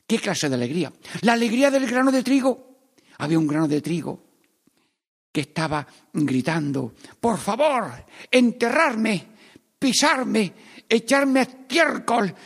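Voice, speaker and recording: A man leading a Stations of the Cross meditation, praying aloud and swinging between hushed pleas and loud, emphatic lines. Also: a little high, creaky, big-room sound. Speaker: priest.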